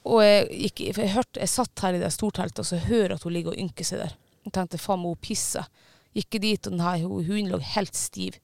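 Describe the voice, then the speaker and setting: A man chats casually in a high voice, with fairly even intonation, cursing at times and halting on filler words while he tells his story. His clear, smooth tone has gravelly fry underneath. The audio is close and dry, with no room sound.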